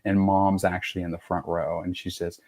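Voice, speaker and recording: A man's voice: deep voice, flat delivery, moderate pace, darkish tone, no echo. A middle-aged man hosting a podcast, chatting casually in a loose, rambling way and swearing freely. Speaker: podcast host. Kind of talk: casual chat.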